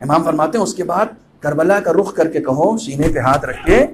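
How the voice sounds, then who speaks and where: High-voiced impassioned male cleric. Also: expressive, noisy background. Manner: impassioned, swelling to loud cries; chants Arabic phrases slowly. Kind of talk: Muharram majlis sermon.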